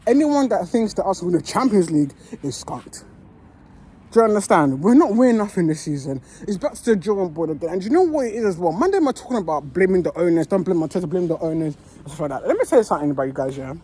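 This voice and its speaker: A woman's voice: fairly low pitch, sing-song, fast talker, warm tone, husky. Heated woman ranting. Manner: heated, swearing, repeats herself. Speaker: football fan. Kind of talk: angry reaction rant.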